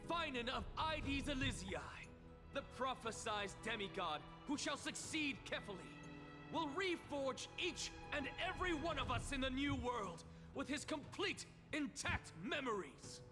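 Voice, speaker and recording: Haughty scholar for a game: pompous villain-like taunts, theatrical, unhurried, with music behind. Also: male voice, very high-pitched, lively intonation. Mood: triumphant declaration. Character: haughty theatrical male scholar lecturing an assembly. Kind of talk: video game dramatic acting. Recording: long hall reverb, loud music behind.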